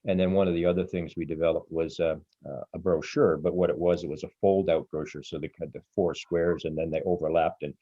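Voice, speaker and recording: A man's voice: deep voice, fairly even intonation, fast talker, hardly any pauses, dark tone, no echo, dull audio. A man hosting an online group call, thinking aloud in a rambling way with many restarts, heard over video-call audio. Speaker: webinar host.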